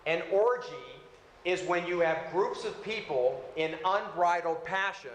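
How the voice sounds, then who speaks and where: A man teaching a Bible lesson in short phrases, pausing so an interpreter can translate. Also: high voice. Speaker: seminary teacher. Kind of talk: bible lecture through an interpreter. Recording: echoey hall with faint room noise.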